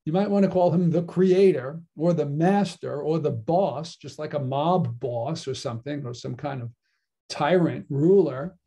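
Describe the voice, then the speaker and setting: A man's voice: a little high, unhurried, dark tone, breathy edge. A man giving a casual philosophy lecture, explaining ideas in a conversational way and often checking in with "right?". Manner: conversational, frequent tag "right?". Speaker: philosophy teacher.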